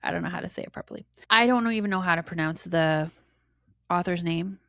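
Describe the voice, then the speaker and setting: A woman's voice: on the low side, brisk, a bit bright, no echo, clean studio sound. A middle-aged woman hosting her own podcast, chatting in a reflective, rambling way with plenty of fillers. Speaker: podcast host. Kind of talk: casual solo podcast chat.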